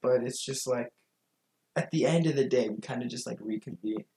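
A man's voice: mid-range voice, normal speed, mellow, reverberant. Easygoing young college man chatting. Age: young adult. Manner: easygoing, chimes in with short agreements. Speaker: podcast guest. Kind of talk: casual chat.

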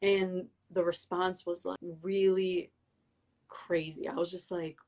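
A young woman guest, a breathwork coach, telling her story in a casual interview with many "like"s and animated retellings of her own thoughts. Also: fairly low pitch, slow. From Albanian heritage.

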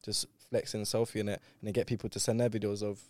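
A young man with a mellow voice and a London roadman accent talks fast in casual, slangy chat. The sound is dry and close, and the pitch sits a bit low. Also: level tone, no room sound. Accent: London, urban roadman slang style. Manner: slangy, colloquial. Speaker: guest musician on a talk show.

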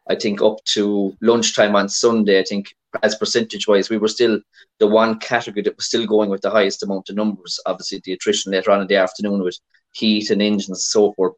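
A man's voice: on the low side, low-quality recording. An Irish man talking casually as a guest in a podcast interview over his phone. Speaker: podcast guest, historic rally competitor.

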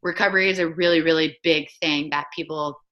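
Speaking briskly in a low, steady, bright and forceful voice, a former soccer player in her twenties chats as a guest on a video call. It's a casual remote interview, and she uses "like" constantly.

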